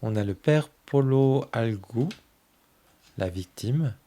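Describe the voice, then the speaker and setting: A man with a medium-pitched voice talks slowly and softly as he browses a new oracle deck for his tarot channel. He comments fondly on each card, his words often trailing off.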